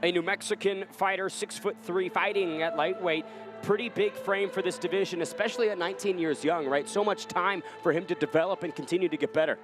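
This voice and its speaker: A man with a high voice calls a live fight as play-by-play commentator. His delivery is polished and broadcast-ready, with music playing clearly behind him. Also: steady tone, fairly quick, rough recording.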